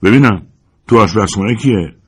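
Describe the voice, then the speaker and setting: A man's voice: fairly low pitch, animated, slightly rough, pitched above the performer's own voice. A man voicing a menacing adult male hired gunman who barks curt orders, in a dramatized audiobook. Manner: bossy, curt commands.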